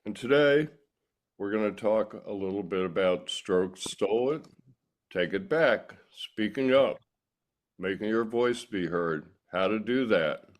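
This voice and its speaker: A man's voice: on the low side, measured pace. A man hosting an online stroke recovery meeting, giving a friendly introduction over a video call.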